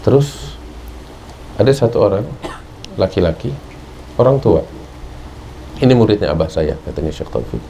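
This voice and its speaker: A man's voice: fairly low pitch, very animated, moderate pace, pauses often, dark tone, a little hiss or hum, low-quality recording. A man with an Indonesian accent giving an Islamic study sermon, telling a story and rising to emphatic peaks. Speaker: religious teacher.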